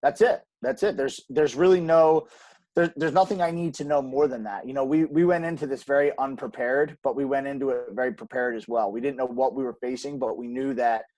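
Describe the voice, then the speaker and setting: A man's voice: mid-range voice, fairly even intonation, fairly quick, a little mellow, no room sound. A man speaking earnestly as a podcast guest, emphatic, with frequent restarts and ums. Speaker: podcast guest, gym co-owner. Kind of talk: conversational interview.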